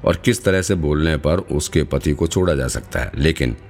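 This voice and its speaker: A sharp-minded young woman investigator in an audiobook, reasoning aloud and probing every detail, as a man puts her on in a raised voice over a very deep natural register. Her lines run with a quiet bed of music underneath. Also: animated, normal speed. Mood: analytical.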